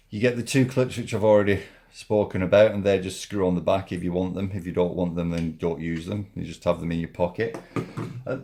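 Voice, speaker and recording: Low-voiced man demonstrating a product. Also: darkish tone. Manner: informal, halting, repeats himself while demonstrating. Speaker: product reviewer. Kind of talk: casual hands-on product demonstration.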